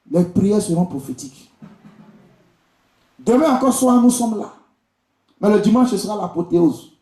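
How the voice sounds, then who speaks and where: During a live service inside a church with echoey hall acoustics, an Ivorian man serving as visiting preacher and prophet gives a charismatic sermon. His voice sits high and mellow, and he exhorts the congregation directly, repeating key phrases, in his Ivorian accent.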